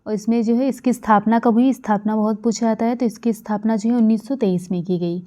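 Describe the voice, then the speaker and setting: A woman's voice: fairly high pitch, steady tone, a little fast, mellow. A woman from India giving a current affairs lecture for exam preparation, repeating key facts with frequent fillers. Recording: dull lo-fi recording.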